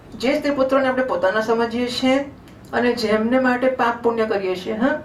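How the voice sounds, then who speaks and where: A woman with a fairly high voice gives a conversational devotional talk on scripture, regularly asking her audience questions as a religious storyteller. The recording carries a little hiss or hum, with a distant mic in a roomy hall and faint ambience.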